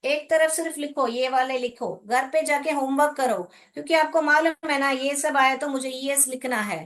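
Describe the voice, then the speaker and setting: A woman's voice: high voice, steady tone, normal speed, fairly bright tone. A young Indian woman teaching an English grammar class online, explaining patiently in a mix of Hindi and English and calling the pupils "beta".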